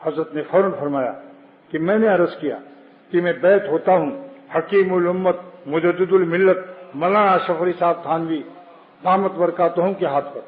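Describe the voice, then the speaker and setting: A man giving a religious sermon, explaining his points and telling anecdotes. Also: high voice. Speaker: preacher. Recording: phone-like with long hall reverb.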